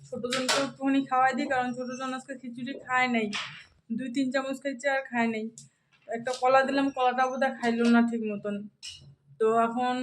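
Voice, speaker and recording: Narrating her housework and cooking for viewers, this North Bengal, India home vlogger and mother in her thirties speaks with a colloquial North Bengal Bengali accent and a high-sitting voice, with a little hiss or hum on the recording. She's chatty and direct, sometimes hushing so a sleeping child won't wake, indoors in her kitchen and rooms.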